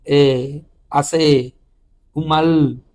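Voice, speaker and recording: Man, pastor, higher pitch, halting testimony, repeats words, many fillers. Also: fairly even intonation, a little mellow. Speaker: pastor and missionary. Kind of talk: telling a personal testimony in an interview.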